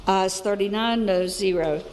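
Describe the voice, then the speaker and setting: A woman's voice: mid-range voice, measured pace, darkish tone, in a large hall, a little hiss or hum, rough recording. A woman serving as senate clerk, announcing vote tallies and bill numbers in a matter-of-fact way.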